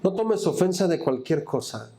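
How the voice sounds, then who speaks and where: A pastor with a high voice and big pitch swings preaches at a normal speed, reading scripture aloud, commenting on it, and prompting his congregation to fill in the words. His tone is dark, and there's a little hiss or hum in the recording.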